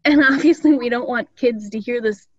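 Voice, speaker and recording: A woman's voice: a little high, brisk, dry recording, lo-fi sound. A young woman casually explaining things to a club meeting, chatty and loose with ums and small laughs, over a video call. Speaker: student club presenter.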